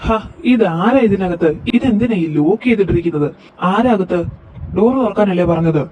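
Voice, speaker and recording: A man's voice: high-pitched, moderate pace, darkish tone, faint music behind, lightly acted. A man playing a fussy older office worker. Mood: annoyed. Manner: scolding, fatherly. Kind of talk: fan audio drama acting.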